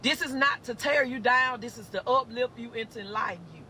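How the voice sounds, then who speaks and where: A man's voice: extremely high pitch, fairly quick, sharp tone, a little hiss or hum. A man in a played clip, delivering a preachy, slangy rant that scolds the listener directly. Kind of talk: preachy street-talk rant.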